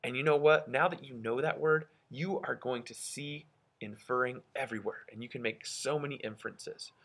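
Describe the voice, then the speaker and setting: A male elementary school teacher reading aloud and explaining a lesson to children, expressive and thinking out loud, with a husky voice. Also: mid-range voice, moderate pace. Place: indoors at a school, at a wooden desk.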